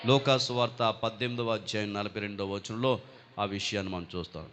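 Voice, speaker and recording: A man preaching a sermon, swinging from loud cries to hushed lines. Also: on the low side, steady tone, a little fast. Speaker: pastor.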